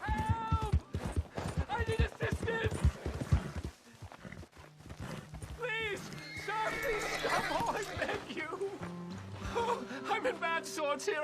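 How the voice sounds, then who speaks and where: A woman's voice: high voice, sharp tone. An actress playing a stranded, haughty and chatty lady from New York City in an Old West video game, theatrical, genteel and wordy. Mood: distressed pleading. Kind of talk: video game period drama acting.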